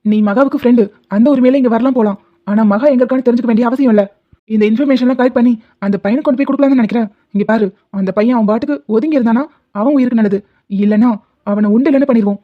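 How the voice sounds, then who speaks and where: Lady doing a threatening rich dad in a cartoon, fast talker, dull lo-fi audio. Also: fairly high pitch, lightly acted. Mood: menacing. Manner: menacing, scolding. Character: stern rich father, threatening and proud.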